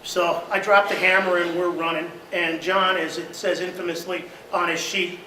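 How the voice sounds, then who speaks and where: Speaking from a distance in a spacious hall, this eulogist has a voice that sits high and holds a level tone at an ordinary pace. He shares remembrances full of fillers, getting louder when he reaches the stories about boats. A little background noise is audible.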